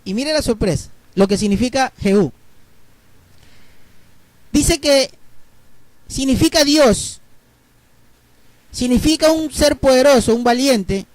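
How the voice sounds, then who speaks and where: A man preaching a Bible teaching sermon, explaining word roots slowly and checking in with his listeners. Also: very high-pitched, lively intonation, no room sound. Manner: explains slowly, spells letters out, asks listeners ¿verdad?.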